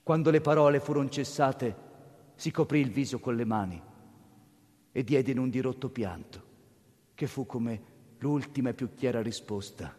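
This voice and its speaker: A man narrating a classic novel in a solemn, measured literary reading. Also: mid-range voice, darkish tone. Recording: long hall reverb.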